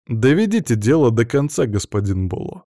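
A man's voice: medium pitch, expressive, moderate pace, mellow, dry recording, clean studio sound, lightly acted. A man voicing a young aristocratic heir who speaks coolly, with control and firm demands. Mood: cold. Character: young male aristocrat heir, cold and self-assured.

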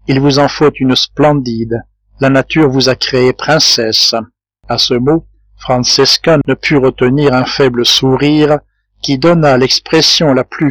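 A man narrating a classic novel as an audiobook, in a measured, even literary reading. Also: medium pitch, dry recording. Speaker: audiobook reader. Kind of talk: scripted narration.

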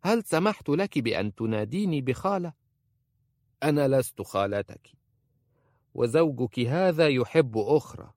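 A man's voice: mid-range voice, animated, normal speed, pauses often, dry recording, studio quality, voice pushed up, lightly acted. Man voicing a harsh, scornful old woman. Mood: indignant. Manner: sharp-tongued, scolding.

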